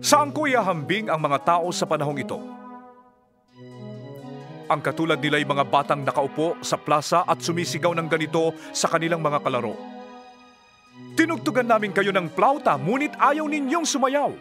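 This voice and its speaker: An actor playing Jesus in a dramatized scripture reading, a solemn, fervent preacher speaking with deliberate, declamatory authority. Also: male voice, on the high side, expressive, over music, close to an everyday voice. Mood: earnest, preaching.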